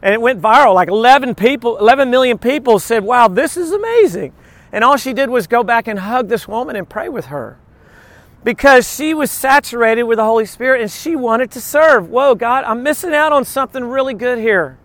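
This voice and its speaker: In a very high-pitched voice, a male preacher talks briskly with no echo. He delivers a relaxed, chatty sermon, animatedly telling personal stories and performing small quotes while teaching.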